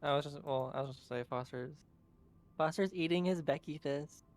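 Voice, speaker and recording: A man's voice: fairly high pitch, fairly quick. A man playing in a tabletop game, speaking briefly in a level tone. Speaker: player.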